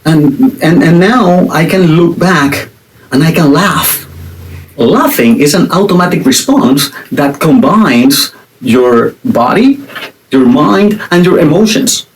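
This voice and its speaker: A man's voice: fairly high pitch, expressive, slow pace, a little hiss or hum, poor audio. A middle-aged man hosting a podcast, giving a casual faith-based monologue with playful asides and jokes. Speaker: podcast host.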